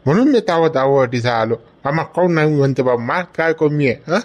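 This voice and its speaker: In a village comedy skit, a man plays a hot-headed young farmer who feels aggrieved. His slightly high voice comes out loud, fast and quarrelsome, and he keeps pressing with a challenging "huh?". The delivery is expressive yet close to how people normally talk.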